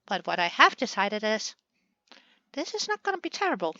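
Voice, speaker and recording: A woman's voice: mid-range voice, big pitch swings, moderate pace, pushed and bright, dry recording, lo-fi sound. A woman hosting a gaming channel, chatting through a building session in a playful way and talking to the game pieces as she works.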